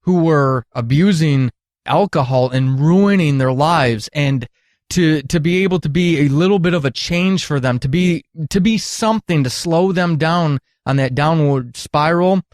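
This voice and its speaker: Pitched fairly high and speaking at a measured pace, a middle-aged retired military counselor tells long, earnest, candid stories as an interview guest, with emphatic delivery. The studio-quality recording carries no echo.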